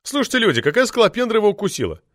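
A male narrator plays an excitable, gossipy young actress whose voice goes high and exclaims. The pitch swings widely. The sound is dry and close. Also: racing, no echo. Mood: excited.

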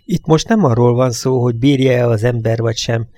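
A man voicing a hard, impatient truck driver who talks in a gruff, scolding way. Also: medium pitch, warm tone, close to an everyday voice. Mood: stern.

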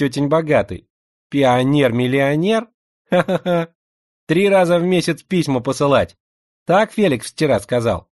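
A man's voice: mid-range voice, a little mellow, dry recording, studio quality, pitched above the performer's own voice, close to an everyday voice. A man voicing a lisping older schoolboy who talks in sugary diminutives and needles the others. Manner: needling, mocking.

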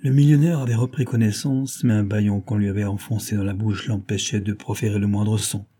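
A man narrating an adventure novel in a steady, even way as an audiobook reader. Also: lowish voice, fairly quick, breathy edge. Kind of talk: scripted narration.

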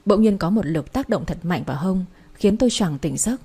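A woman narrating a first-person family story as an audiobook, in a steady, earnest reading. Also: medium pitch, moderate pace, breathy edge.

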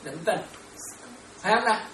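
Delivering a dharma talk, a Buddhist nun keeps asking her listeners if they follow, and she tends to repeat herself. Her voice is animated and fairly bright, swinging widely in pitch at a moderate pace. Picked up by a distant mic in an echoey room, the sound carries faint ambience and a little hiss or hum.

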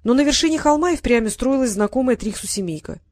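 A woman narrating an audiobook in a steady, even reading. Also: fairly high pitch, fast, no room sound. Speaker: audiobook reader.

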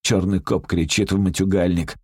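A man's voice: deep voice, flat delivery, a little mellow, breathy edge, no echo, studio quality. A man narrating a story in the first person as a brash, crude-talking outlaw. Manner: brash, crude street talk, rapid storytelling. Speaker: audiobook narrator.

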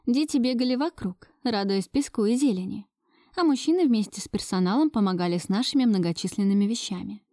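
A woman narrates a first-person story at a measured pace and gives each line some expression. Her voice is mellow and warm. The recording is close and dry. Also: medium pitch, animated, dry recording.

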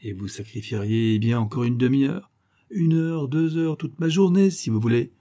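A man's voice: medium pitch, normal speed, warm tone, lightly acted. A man reading a sly, teasing detective. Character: shrewd playful male detective.

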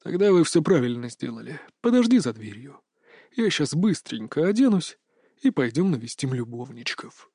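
A man's voice: a little high, big pitch swings, moderate pace, dark tone, breathy edge, no echo, studio quality, heavily acted. A man voicing a hot-tempered, crude male mafia boss who roars and swears. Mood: grimly cold. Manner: roaring, swearing outbursts.

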